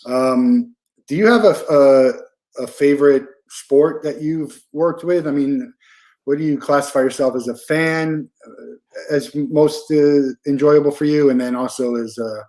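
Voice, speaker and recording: A man's voice: medium pitch, unhurried, darkish tone. A man hosting a casual interview podcast, asking questions in a conversational way with fillers. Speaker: podcast host.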